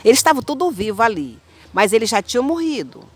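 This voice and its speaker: A woman's voice: on the high side, big pitch swings, husky. Brazilian woman in her fifties, rambling. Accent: Brazilian Portuguese. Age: 50s. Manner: rambling, repetitive, halting storytelling. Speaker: spiritual channel host. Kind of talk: personal testimony of dreams.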